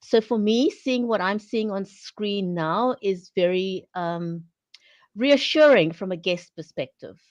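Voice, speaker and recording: A woman's voice: medium pitch, takes it slowly, dry recording. A woman co-hosting a live-stream interview, speaking thoughtfully with slight hesitation.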